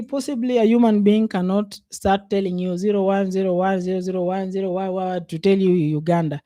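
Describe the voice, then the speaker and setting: A man with a high, warm voice teaches a casual coding class by screen share, musing aloud at a leisurely pace with frequent fillers. The studio sound is clean, without echo.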